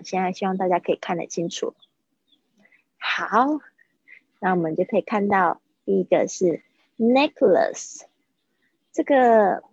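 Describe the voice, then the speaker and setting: Chinese-speaking woman teaching english words, kinda low husky voice, dry muffled mic, repeats stuff slow. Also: a little mellow, no echo. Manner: chatty, repeats words slowly to model pronunciation. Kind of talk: livestreamed vocabulary lesson.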